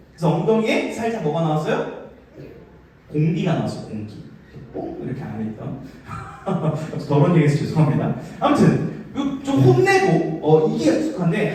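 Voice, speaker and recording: Male youth pastor, 30s, animated sermon style, roomy reverberant hall sound, mic set back. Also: high voice, a little hiss or hum. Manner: animated, acts out voices and leads call-and-response. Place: church hall, live service. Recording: very echoey hall, mic from a distance.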